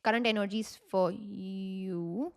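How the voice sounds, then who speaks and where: A woman's voice: mid-range voice, steady tone, slow. A woman with an Indian accent gives an informal tarot reading, mixing Hindi phrases into her English and addressing the listener directly. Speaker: tarot reader and video host.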